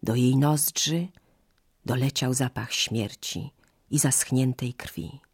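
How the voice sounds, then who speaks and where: A narrator telling a fable in calm, measured storytelling. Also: medium pitch, husky.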